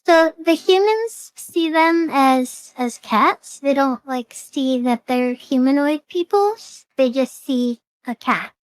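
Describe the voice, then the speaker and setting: Young woman gamer chatting, kinda high voice, dry teasing jokes, super dry sound. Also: takes it slowly, few pauses, no echo, low-quality recording. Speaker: streamer. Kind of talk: casual gaming chat.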